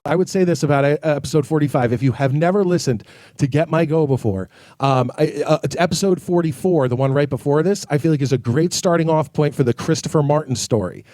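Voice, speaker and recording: A man's voice: a little high, brisk, dark tone, no echo. A man in casual podcast chat, recommending episodes with hesitant fillers.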